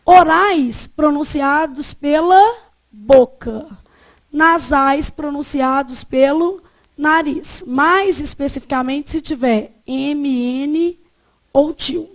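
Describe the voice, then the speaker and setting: Woman teacher going over grammar, high voice, takes it slow, quizzes then answers herself. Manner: asks questions and answers them herself. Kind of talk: grammar lesson.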